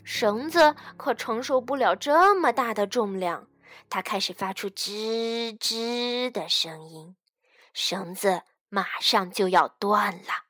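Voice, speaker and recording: A woman narrating a children's story with an expressive, lively storybook delivery. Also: mid-range voice, measured pace, slightly rough, no echo.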